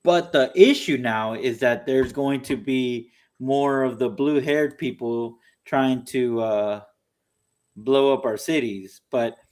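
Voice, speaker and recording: A man's voice: medium pitch, slow. A man co-hosting a casual political podcast, talking animatedly with frequent fillers and mocking put-on voices. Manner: animated, mocking impressions of opponents. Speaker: podcast co-host.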